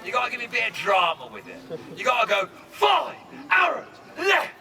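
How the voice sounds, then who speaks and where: A man putting on a lively outdoor show, throwing his voice high and loud as he jokes with the crowd. He sounds well away from the camera, and crowd chatter and street noise fill in behind him. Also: very fast, recorded from a distance. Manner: theatrical, loud, joking crowd-work. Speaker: castle archery demonstrator. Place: outdoors at a castle among a crowd.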